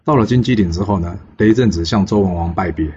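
Lowish-voiced male storyteller, lo-fi sound. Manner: lively, with many pause fillers. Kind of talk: storybook narration. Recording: dull lo-fi with faint hiss.

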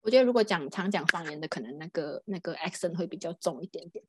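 A woman's voice: on the low side, lively intonation, fast, background noise. A young Malaysian woman, co-hosting a podcast, chatting casually and laughing often. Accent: Hokkien-tinged Malaysian Mandarin. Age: young adult. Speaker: podcast co-host. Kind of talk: casual chat.

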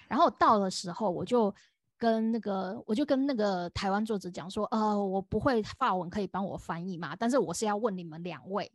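A young woman with a Taiwanese Mandarin accent, co-hosting a podcast and telling a story in an animated way, laughing often. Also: medium pitch, brisk, no room sound, studio quality. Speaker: podcast co-host. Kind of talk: casual chat.

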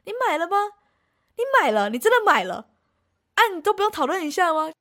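Woman imitating her shrill shocked mother. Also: sing-song, a bit bright, exaggerated voice. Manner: shrill rapid-fire questions. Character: startled mother scolding her grown daughter.

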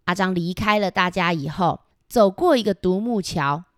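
A woman reading a picture book aloud to young children, animated and asking them questions. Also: on the low side, moderate pace, no room sound, clean studio sound. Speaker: storyteller.

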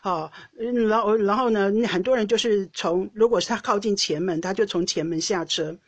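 A woman's voice: medium pitch, moderate pace, husky, no room sound. Chatty Taiwanese-accented woman telling a story. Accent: Taiwanese Mandarin. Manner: chatty, frequent self-restarts and small laughs. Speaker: podcast host. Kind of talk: casual storytelling monologue.

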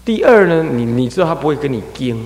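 A Buddhist abbot delivers a dharma lecture, his gravelly voice swinging widely up and down in pitch. He animates his points by acting out parents and children. The talk rings through an echoey hall with a long, trailing reverb. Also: quick pace. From Taiwan. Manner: animated, acts out scolding parents and crying children.

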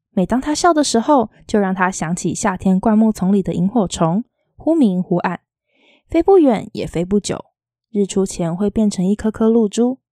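A woman reading a novel aloud in a soft, quietly lilting storytelling voice. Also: medium pitch, dry recording, studio quality. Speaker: audiobook reader.

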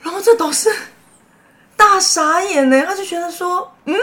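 A woman's voice: extremely high pitch, normal speed, bright, forceful tone. A middle-aged woman with a Taiwanese Mandarin accent, a teacher and mother co-hosting a chat podcast, telling stories animatedly and laughing often. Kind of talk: casual chat.

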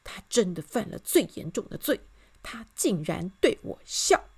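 A woman voicing an earnest male soldier who speaks slowly and loudly. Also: mid-range voice, sing-song, breathy edge, full character voice. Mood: stern. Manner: slow, emphatic, loud.

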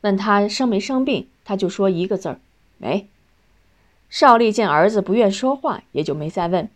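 A woman reading a novel aloud in calm, steady scripted narration. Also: mid-range voice, brisk. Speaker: audiobook narrator.

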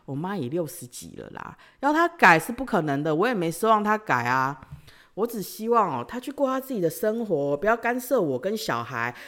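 Emotional woman telling a story. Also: mid-range voice. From Taiwan. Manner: emotional, swinging between loud outbursts and quiet sighs. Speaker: podcast host. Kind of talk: personal storytelling monologue.

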